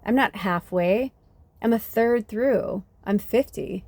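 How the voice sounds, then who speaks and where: A woman's voice: medium pitch, slow, a little mellow. A woman in her fifties giving a rambling, profane, casual tarot reading with lots of fillers. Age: 50s. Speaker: tarot reader.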